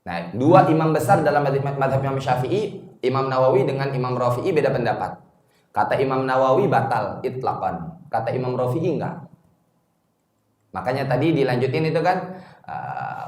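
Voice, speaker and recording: Man teaching religion in an echoey room. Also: mid-range voice. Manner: lively storytelling, chuckles, chants Arabic quotations slowly; casual slangy teaching tone. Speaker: Islamic teacher. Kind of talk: religious study lecture to a congregation.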